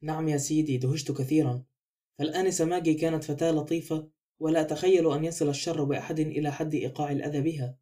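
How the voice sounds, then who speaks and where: Male narrator as a wary, guarded housemaid, mellow and brisk. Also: fairly high pitch, fairly even intonation, lightly acted. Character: reserved, wary woman housemaid.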